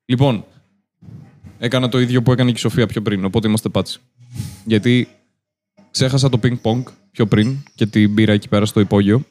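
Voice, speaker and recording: A man co-hosting a podcast, speaking in a calm, deadpan way. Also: fairly low pitch, pauses often. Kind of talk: casual chat. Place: outdoors in city streets.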